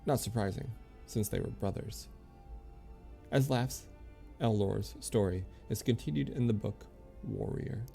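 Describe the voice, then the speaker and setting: A man streaming a game, reading its lore aloud in a halting way, often stumbling and correcting himself. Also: on the low side, gravelly, warm tone, soft background music.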